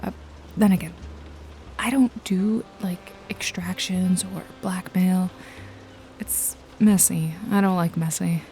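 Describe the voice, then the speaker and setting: Taking it slowly, a woman with a fairly low, mellow voice and even intonation plays a jaded detective and hired killer, with slight background noise. In this noir ASMR roleplay, set to rain effects and jazzy music, she speaks one-sidedly and intimately to the listener. She is watchful and matter-of-fact, as well as sardonic, foul-mouthed, nonchalant, teasing, and casually menacing.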